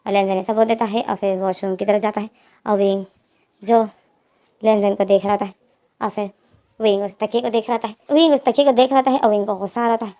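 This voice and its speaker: A woman's voice: mid-range voice, fairly even intonation, fairly quick, dark tone. A woman retelling a fan fiction story in plain, step-by-step narration.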